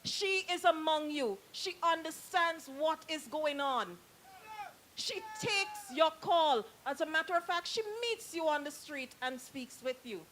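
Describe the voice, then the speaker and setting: A Vincentian woman speaks at an outdoor political rally, slow and deliberate, her voice pitched fairly high. She pleads with the crowd and hammers her key phrases again and again. A faint hiss sits under the recording. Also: animated, fairly bright tone, poor audio. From Saint Vincent. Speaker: campaign speaker.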